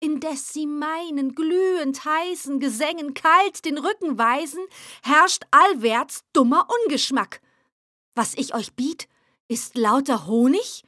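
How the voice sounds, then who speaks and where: An embittered, excitable poet, acted by a woman reciting verse, declaiming loudly with a raised, higher voice. The delivery is heated and theatrical, and the recording is dry and close. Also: no room sound. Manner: loud, declamatory and agitated.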